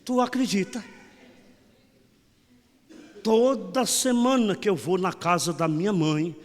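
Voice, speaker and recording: A man's voice: high-pitched, takes it slowly. Brief: Brazilian priest in his forties, raised voice, playful preacher, church reverb. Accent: Brazilian Portuguese. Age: 40s. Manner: folksy, teasing, keeps saying "meu irmão". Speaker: parish priest. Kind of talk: lively humorous homily.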